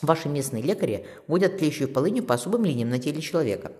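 A man reading an audiobook voices a kind, earnest young man of twenty-one, speaking gently and reassuringly. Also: on the high side, big pitch swings, quick pace, voice pushed up. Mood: gentle. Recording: long reverb.

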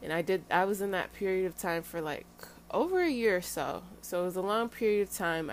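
Candid chatty woman, lowish voice. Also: a little hiss or hum. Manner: candid and chatty, laughs at herself, emphatic asides. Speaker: vlogger sharing dating lessons. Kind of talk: casual personal talk to camera.

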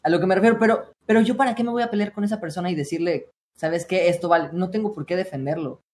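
A man's voice: sits high, fast, darkish tone. A young Mexican man, a streamer and voice coach, talking earnestly in a casual podcast chat with many restarts. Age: young adult. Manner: earnest, advice-giving, frequent "o sea" restarts.

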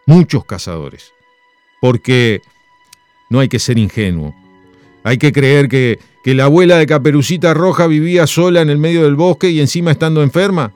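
A man hosting a radio show, telling a story with lively rhetorical questions. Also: medium pitch, no echo. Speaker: radio host. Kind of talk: radio chat and story reading.

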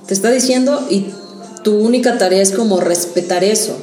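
A woman's voice: mid-range voice, a little fast, dark tone. A woman in casual debate chat, co-hosting a podcast, arguing and acting out imagined quotes. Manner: argumentative, acts out hypothetical quotes. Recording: roomy echo with faint music.

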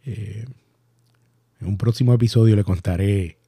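Dark-voiced Puerto Rican man recounting. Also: fairly low pitch, slightly rough, no room sound, studio quality. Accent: Puerto Rican Spanish. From Puerto Rico. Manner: halting, reflective, many restarts and fillers. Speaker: podcast host. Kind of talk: personal storytelling monologue.

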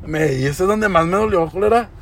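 A man's voice: sits high, a little fast, creaky, a bit bright, a little hiss or hum. A young man telling a casual story, full of slang and swearing. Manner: slangy, swears often, says "güey" constantly. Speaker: podcaster.

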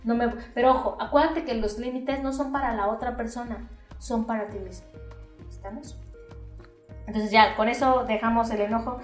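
Mexican woman therapist chatting, animated, kinda far from the mic in an echoey room. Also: on the high side, moderate pace, faint music behind. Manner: animated, acts out quoted voices, many fillers. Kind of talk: conversational explaining. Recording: roomy, distant mic.

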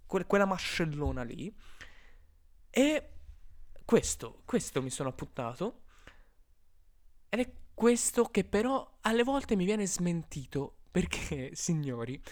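A young man vlogging in a casual monologue, telling stories in an animated, joking, exaggerated way. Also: on the high side, measured pace.

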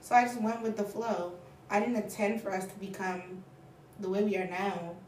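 A woman's voice: medium pitch, fairly even intonation, moderate pace, darkish tone, a little hiss or hum. A young adult woman co-hosting a podcast, chatting in a loose, rambling, playful way. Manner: laid-back, rambling, playful. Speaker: podcast co-host. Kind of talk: casual chat. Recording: echoey room, voice a bit far off.

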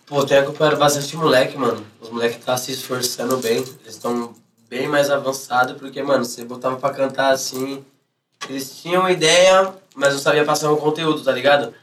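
A man's voice: mid-range voice, fairly even intonation, a little fast, a bit bright, far from the mic. A man with a São Paulo accent chatting casually as an interview guest, in heavy street slang, often acting out imagined reactions. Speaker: music artist, interview guest. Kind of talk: casual chat.

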